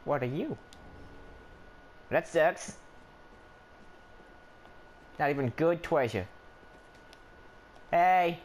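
A man's voice: fairly high pitch, drawn-out words, long pauses, slight background noise. A man voicing a skittish, whiny little male adventurer in let's play commentary, rambling and stammering, yelping whenever something attacks. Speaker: gameplay commentator.

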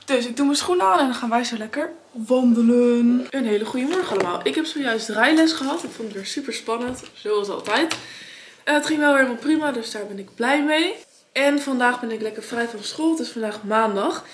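A woman's voice: fairly high pitch, brisk, a little hiss or hum. A young woman in her late teens, chatting upbeat and enthusiastic to a handheld phone camera in a family vlog. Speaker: family vlogger. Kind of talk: casual vlog chat to camera.

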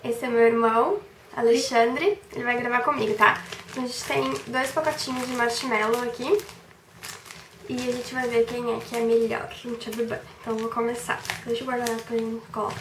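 A woman's voice: a little high, steady tone, fairly quick. A young Brazilian woman chatting casually to camera as a vlogger. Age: young adult. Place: small bedroom, indoors. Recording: roomy, distant mic, background noise.

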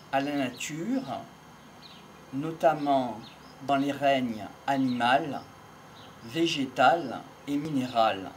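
An older man reflects aloud in a slow, measured way, pausing between phrases. He speaks into a handheld mic while seated in an open country field. Faint birdsong and outdoor air sit softly behind his voice. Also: a little high, slight background noise. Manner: measured, pausing often, philosophical. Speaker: speaker on voice and communication. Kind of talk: slow reflective monologue to camera. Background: faint outdoor ambience with birds.

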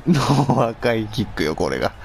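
Creaky, animated man bantering over a game. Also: mid-range voice, normal speed, slight background noise. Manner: playful mock-dramatic exclamations, repeated shouts. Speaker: video game player. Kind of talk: excitable gameplay banter while playing a fighting game.

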